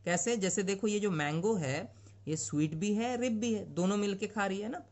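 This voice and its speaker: A male teacher giving a grammar lesson to young students, reading each English example sentence slowly and then explaining it in Hindi. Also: high-pitched, darkish tone. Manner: frequent check-ins to the class.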